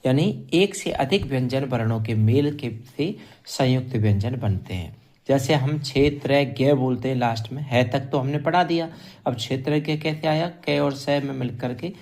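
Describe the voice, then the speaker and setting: Male teacher, mid-pitched, patient drilling pace, repeats each syllable. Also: a little mellow. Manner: slow, drilling sounds one by one, repeating syllables. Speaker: Sanskrit teacher. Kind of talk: classroom grammar lesson.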